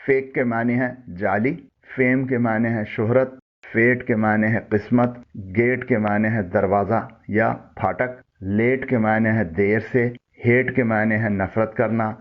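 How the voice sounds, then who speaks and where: A man teaching English pronunciation, slowly listing words and giving their meanings. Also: fairly low pitch, steady tone. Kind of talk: instructional word-list lesson. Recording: dull lo-fi audio.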